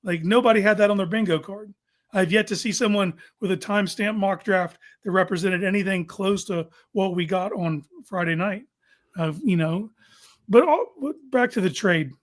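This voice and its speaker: A man's voice: high-pitched, normal speed. A man hosting a casual sports talk show, making his points informally and emphatically, repeating them for stress.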